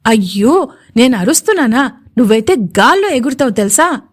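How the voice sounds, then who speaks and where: A woman voicing an excitable young male friend in an audio story, shouting and eager. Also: fairly high pitch, moderate pace. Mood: excited.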